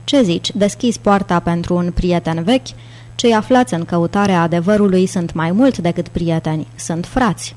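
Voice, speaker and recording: A theatrical older gentleman who loves a dramatic flourish, speaking in a somewhat low voice with a grand, playful air, as a woman reads him in an audiobook. his manner is jovial. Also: lightly acted. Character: theatrical, jovial older British male aristocrat.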